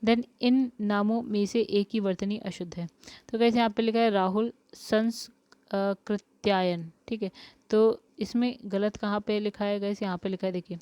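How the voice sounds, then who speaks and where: A woman teacher leads an exam-prep spelling lesson, posing each question and then explaining the answer step by step. Her voice is smooth and resonant at a middling pitch. The recording is close and dry. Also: fairly even intonation, a little slow, warm tone, no room sound.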